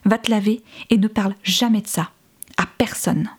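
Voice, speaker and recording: A woman's voice: normal speed, breathy edge, close to an everyday voice. Woman playing a cold resigned mother. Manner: flat, low and curt.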